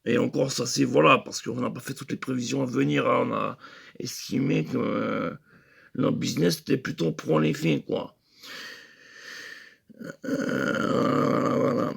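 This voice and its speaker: Gravelly rambling storyteller man. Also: medium pitch, steady tone, a little slow, pauses often. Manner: hesitant, full of fillers and restarts, slangy. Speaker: comedian telling a story. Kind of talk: rambling comic anecdote.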